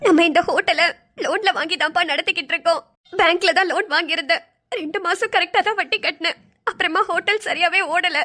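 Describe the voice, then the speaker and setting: A woman voicing a worried middle-aged woman who runs a small eatery, pleading softly and close to tears. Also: very high voice. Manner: pleading, soft, tearful. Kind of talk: cartoon voice acting.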